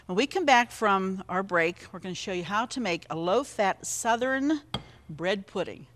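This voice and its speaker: A woman's voice: medium pitch, animated, moderate pace, fairly bright tone. A woman hosting a TV cooking show. She talks straight to the viewers in a chatty, encouraging way and explains each step as she works in a studio kitchen. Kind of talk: TV cooking demonstration.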